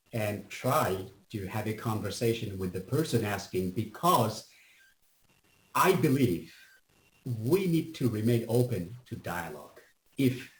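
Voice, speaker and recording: A middle-aged Bangladeshi man with a Bangladeshi accent gives a measured, reflective personal testimony at a public event, often pausing with fillers. His voice is medium-pitched and somewhat dark, captured in an echoey room on a low-quality recording.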